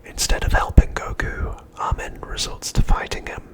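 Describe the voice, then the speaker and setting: Recapping in an ASMR style, a middle-aged male host uses an unvoiced, breathy whisper. He goes gently and without hurry, pausing deliberately.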